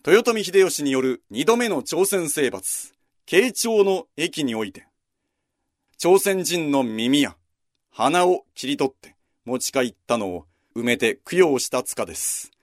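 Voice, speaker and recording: A man's voice: a little high, takes it slowly, no echo, studio quality. A man hosting a history program, narrating a walking route in a scripted but conversational way with casual asides. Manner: lively, conversational storytelling with asides.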